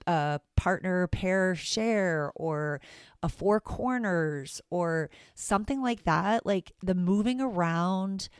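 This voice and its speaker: Taking it slowly, a woman hosts her teaching podcast solo, talking in a chatty, self-deprecating manner with a low voice that has a raspy edge. There's no room around the sound, which comes across dry and close.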